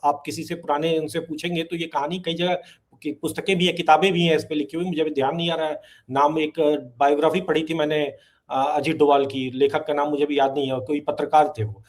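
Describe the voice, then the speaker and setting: High-voiced emphatic male commentator. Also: little pitch movement, brisk. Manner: emphatic, repetitive, with hesitations. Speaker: political commentator. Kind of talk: talk show discussion.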